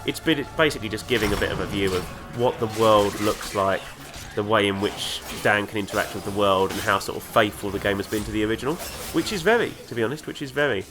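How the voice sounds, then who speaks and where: A man's voice: lowish voice, fast. Chatty man with a flu-stuffed voice. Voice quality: nasal from a cold. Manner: chatty, rambling, enthusiastic. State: congested with flu. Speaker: gaming video host. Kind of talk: let's play commentary. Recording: game music playing underneath. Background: game music and sounds.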